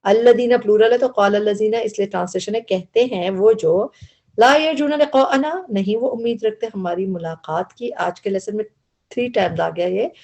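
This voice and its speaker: A woman's voice: medium pitch, steady tone, fairly quick, creaky, mellow, highs cut off. Woman patiently teaching word by word. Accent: Urdu. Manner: explains grammar patiently, repeats each word. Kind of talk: word-by-word Quran translation lesson.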